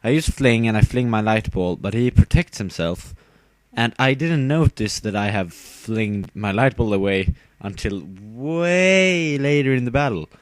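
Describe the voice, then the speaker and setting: A man's voice: on the low side, normal speed, dry recording. A tired young man casually commenting on his own game battle, rambling with fillers and giggling at himself. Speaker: gamer narrating his battle.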